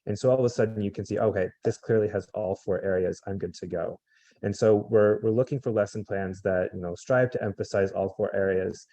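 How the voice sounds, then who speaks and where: A man with a low, mellow voice briefs teachers on lesson plans. He explains steadily and calmly, like a veteran classroom teacher. The sound is dry and close, as on a video call. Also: fairly quick, dry recording. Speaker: teacher and lesson plan reviewer. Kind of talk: webinar briefing.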